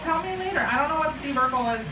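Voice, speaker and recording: Talking very fast in a high, animated voice, a young Japanese comedian, Japanese being her first language, riffs self-deprecatingly and banters with the audience at a live club. Background noise runs through the roomy, distant recording.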